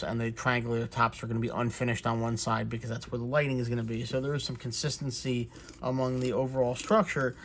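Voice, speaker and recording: A man hosting a casual unboxing walkthrough, talking in a relaxed, chatty way with many fillers. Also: medium pitch, slight background noise. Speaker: crafts channel host.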